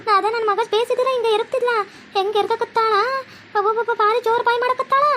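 A woman doing a shrill bossy mother-in-law. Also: fairly even intonation, background noise. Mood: scolding. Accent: North Karnataka Kannada. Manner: scolding, rapid and shrill. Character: bossy sharp-tongued older mother-in-law. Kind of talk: cartoon voice acting.

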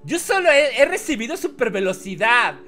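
A man voicing Sonichu, a cocky male electric hedgehog hero, in a gruff, exaggerated macho tone. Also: very high-pitched, very animated, moderate pace, sharp tone, faint music behind, full character voice. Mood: boastful.

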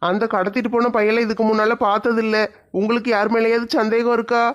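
Monotone village headman, calm, questioning, muffled lo-fi cartoon audio, man voicing. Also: sits high, quick pace. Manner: steady questioning. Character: calm middle-aged male village head. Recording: dull lo-fi sound.

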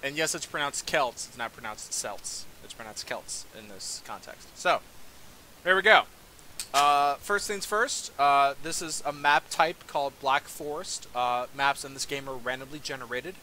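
A young man talks through a strategy game in a loose, rambling way, stopping often for fillers and wry little asides about himself. His voice sits at an ordinary middle pitch. A clear, steady hiss runs under the home recording. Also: normal speed. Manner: rambling, self-deprecating, many fillers. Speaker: game tutorial presenter. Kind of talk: casual gameplay commentary.

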